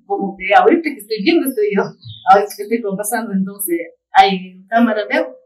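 A woman, a community leader and chef, telling a personal story in an interview in a halting way, repeating words and restarting often. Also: medium pitch, darkish tone, a little hiss or hum. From Ecuadorian Amazon. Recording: voice picked up from a distance.

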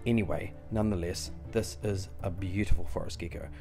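A man's voice: low voice, steady tone, brisk, creaky, darkish tone, soft background music. A young man narrating a wildlife vlog as an enthusiastic gecko keeper, emphatic, playful and given to repeating himself.

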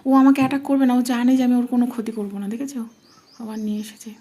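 Soft, dark-toned woman, often whispering. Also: fairly high pitch, little pitch movement, fast. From India. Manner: patient, coaxing, often drops to a whisper. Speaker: vlogger watching a wasp build its nest with her child. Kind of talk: casual explaining chat, often hushed.

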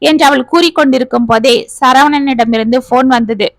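A woman storyteller reads a family drama aloud in a steady, plain way. Her voice sits high and the sound is close and dry, with no room around it. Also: normal speed, dry recording, poor audio. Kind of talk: scripted family story narration.

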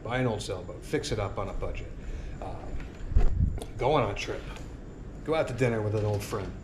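Here a man in middle age, voice on the lowish side, speaks at an ordinary pace while sitting on a porch outside near a marina. He's a sailing vlogger giving a loose, thoughtful monologue, wandering through reflections on life and earnestly telling his audience not to worry. The sound comes from a tripod-mounted action camera several feet off, with the outdoors audible around him.

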